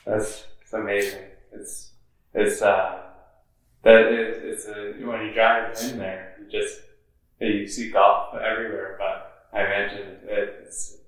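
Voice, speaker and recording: Male interviewer, low gravelly voice, halting, distant with heavy room echo. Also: flat delivery. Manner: halting, searching for words. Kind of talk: casual interview questions. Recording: very echoey, far from the mic.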